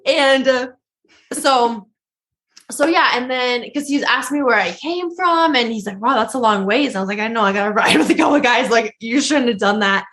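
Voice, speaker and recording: A young woman hosting a podcast, telling a story in casual chat, rambling and animated, laughing often. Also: fairly high pitch, normal speed. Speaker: podcast host.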